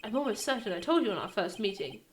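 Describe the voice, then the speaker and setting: A woman doing a deep, cold gentleman assassin. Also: big pitch swings, slight background noise, lightly acted. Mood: coolly menacing. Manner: slow, formal, quietly threatening. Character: cold, polite male assassin, calm and menacing.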